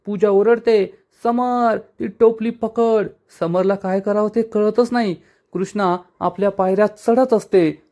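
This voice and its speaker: A man's voice: high-pitched, mellow. A man retelling a TV serial episode plot step by step as a storyteller, addressing listeners as friends.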